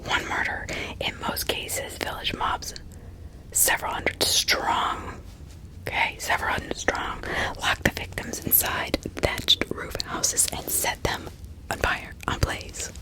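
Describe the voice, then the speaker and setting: This is a female ASMR host recounting a true crime story, whispering breathily with frequent mid-sentence pauses and small remarks aimed at the listener. It's a low-quality recording.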